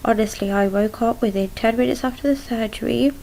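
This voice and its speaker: Young woman, creaky voice, subdued and halting. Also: fairly high pitch, warm tone, a little hiss or hum. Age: young adult. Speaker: patient recording a video diary. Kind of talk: casual video diary recounting events. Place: small room at home, indoors.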